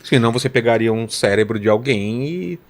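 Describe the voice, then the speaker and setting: A man's voice: mid-range voice, lively intonation. Brazilian man hosting a podcast. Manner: brief agreements and quick questions. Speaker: podcast host. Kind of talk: casual podcast conversation.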